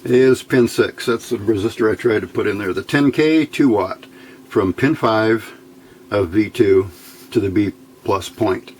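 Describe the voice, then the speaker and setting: Speaking slightly slowly in a fairly low voice, this electronics hobbyist instructor talks through an informal hands-on tutorial, unscripted and thinking aloud while he works. A little hiss or hum sits under the recording.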